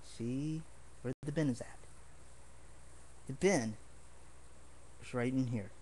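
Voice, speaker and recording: Unhurried, earnest male hobbyist, rambling home-video demo talk, faint hiss behind. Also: medium pitch, warm tone. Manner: rambling, earnest, with many restarts. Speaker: martial arts hobbyist showing swords. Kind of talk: casual home video demonstration.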